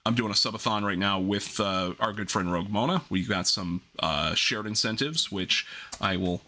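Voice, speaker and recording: A man's voice: fairly low pitch, normal speed, bright, forceful tone. A man hosting a livestream in casual gaming chat, rambling and often interrupting himself as he gets sidetracked. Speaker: livestream host.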